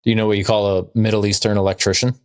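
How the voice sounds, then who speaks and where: This fairly low-voiced podcast co-host keeps things casual, tossing out trivia and dry jokes with a loose comedic feel. His pitch barely moves, and he speaks rapid-fire.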